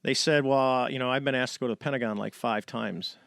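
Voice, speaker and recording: A middle-aged American retired navy fighter pilot, guesting on an interview, animatedly tells his story in a relaxed way, slipping into the voices of those he quotes. His voice is ordinary in pitch for a man, a little fast, creaky yet smooth. The recording is close and dry, with no room sound.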